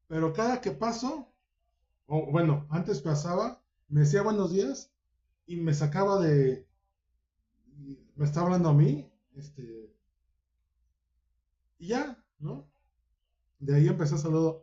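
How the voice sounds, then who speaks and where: A man delivers a Bible study sermon in a very dark, mellow voice pitched a little high. He keeps asking his listeners direct questions and slips into the voices he quotes. The recording is roomy and dull, with a lo-fi edge. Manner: asks listeners many direct rhetorical questions; acts out quoted voices within the teaching. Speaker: preacher.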